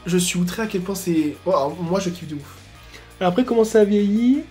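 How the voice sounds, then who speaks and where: A man hosting a casual makeup tutorial at home, talking in slangy asides and breaking into excited exclamations. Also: high voice, brisk, soft background music. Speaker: beauty YouTuber.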